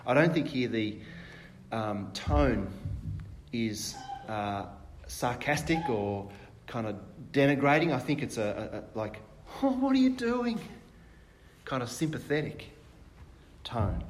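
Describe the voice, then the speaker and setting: Casting: male preacher, plain mid-pitched voice, relaxed talky sermon with rhetorical questions. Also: slow, a little hiss or hum. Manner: conversational, rhetorical questions, frequent fillers and restarts.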